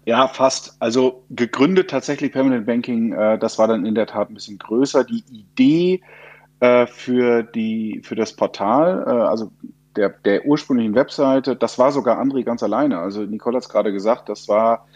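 A man's voice: mid-range voice, normal speed, darkish tone, dry recording. A man talking in a casual podcast conversation, explaining with frequent fillers. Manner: gravelly, hesitant with fillers. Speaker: podcast guest, co-host of finance podcast. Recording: dry and dull, lo-fi.

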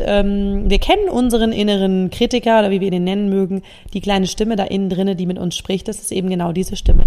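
A woman coach talks her listeners through her ideas in a reflective podcast monologue, often hesitating as she searches for words. Her voice has a slight gravelly fry at the edges. She is recording indoors, and the room lends her words a long, lingering reverb. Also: mid-range voice, darkish tone. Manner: thoughtful, explanatory, many hesitations. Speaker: NLP coach and podcast host.

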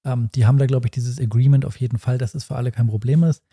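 Gravelly, dark-voiced man chatting. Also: mid-range voice, steady tone, racing, no room sound, studio quality. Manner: opinionated, thinks aloud with many fillers. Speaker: podcast co-host. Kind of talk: casual podcast chat.

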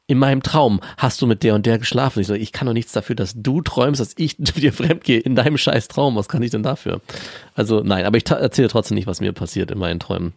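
A man in his thirties chatting on a casual podcast, his voice low and gravelly with plenty of vocal fry. He talks in a dry, matter-of-fact way, often dropping into a quiet mutter. The sound is close and dead dry. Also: quick pace, no room sound. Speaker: podcast co-host.

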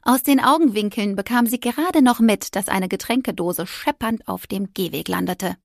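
A woman narrating a children's story in an expressive storytelling manner. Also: medium pitch, moderate pace, vocal fry, no echo, clean studio sound. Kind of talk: audiobook narration.

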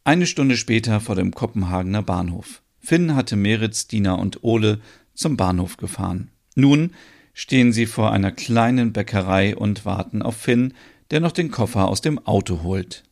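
A man narrating his own podcast soap opera in a calm storytelling manner. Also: on the low side, moderate pace, vocal fry. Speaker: narrator and creator.

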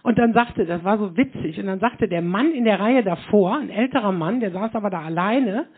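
Host, male, rambling stage chatter, high voice, muffled phone-like live recording. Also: fairly quick, husky. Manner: rambling, constant tag questions "ne?". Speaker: host of a live podcast show. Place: hall with a live audience.

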